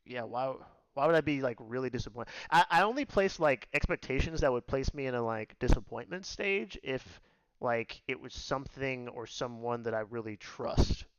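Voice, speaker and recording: Measured, thoughtful male podcast co-host. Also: mid-range voice, a bit bright, clear, resonant tone, no echo, lo-fi sound. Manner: thoughtful, hesitant restarts, measured. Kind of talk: casual chat.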